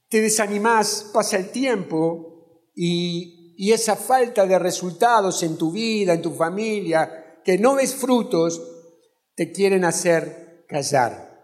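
A man's voice: high-pitched, darkish tone. A man with an Argentine accent preaching a fervent sermon in a chapel, with a repetitive preaching cadence. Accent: Argentine Spanish.

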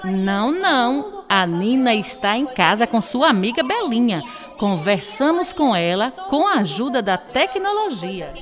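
Woman, kids show host, highish pitch, very varied intonation, music in background. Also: very animated, a little slow. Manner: kids show host, addressing child audience. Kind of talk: scripted children's radio-style presenting.

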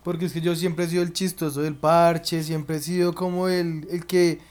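A young man in his twenties, a comedian chatting casually in a relaxed, slangy, self-mocking way. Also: a little high, moderate pace. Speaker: comedian, co-host. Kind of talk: casual chat.

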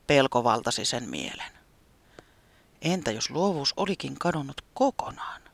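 A storyteller gently reading a children's story aloud, with an expressive, sometimes whispery delivery. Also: mid-range voice, no room sound.

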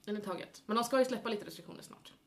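A woman with a Stockholm accent chatting casually and jokingly as a podcast co-host. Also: medium pitch.

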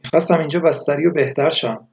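A woman's voice: low voice, fairly even intonation, vocal fry, a little mellow. A man doing a pious lonely old widow. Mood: weary. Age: older. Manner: sighing, fatalistic, calls the doctor son. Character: elderly widowed woman patient, pious and lonely. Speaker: psychiatric patient. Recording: echoey room, dull lo-fi.

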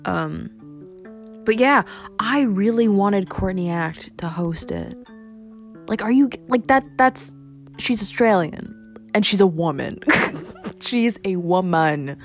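A woman's voice: medium pitch, expressive, slow, long pauses, faint music behind. A young woman hosting a casual solo podcast, rambling with lots of fillers and casual swearing. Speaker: podcast host.

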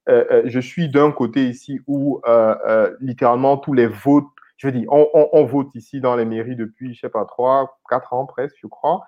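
A man's voice: mid-range voice, fairly even intonation, normal speed, few pauses. A man from Cameroon in his thirties, an IT consultant and founder, talking casually as an interview guest with many fillers and repeated words. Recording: slightly dull lo-fi audio.

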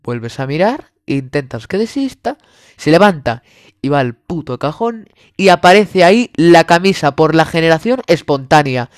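A man's voice: on the high side, animated, moderate pace, dry recording, studio quality. A young man with a Spanish accent from Spain, delivering a sarcastic comedic monologue full of exaggeration and swearing.

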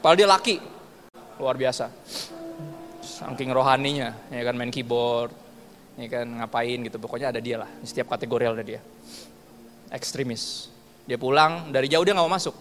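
A man's voice: medium pitch, moderate pace, pauses often, a bit bright, slight background noise. A male pastor with an Ambonese accent, preaching casually in slang and acting out conversations. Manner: casual slang-filled preaching, acts out dialogue. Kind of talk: sermon. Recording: long hall reverb with faint music.

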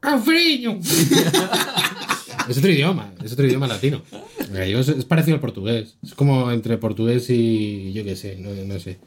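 A man's voice: mid-range voice, fast talker, a little mellow. A man from Castile with a Castilian Spanish accent, a podcast co-host explaining things confidently in casual chat. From Castile, Spain.

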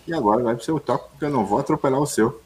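A man co-hosting a casual chat, calmly reflecting on love and relationships. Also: medium pitch, racing. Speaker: co-host.

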